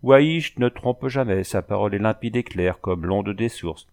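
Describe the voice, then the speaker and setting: A man's voice: fairly low pitch, moderate pace, a little mellow, natural voice. A man voicing an old sorceress who speaks in solemn, cryptic riddles. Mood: oracular. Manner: solemn, oracular speech in riddles.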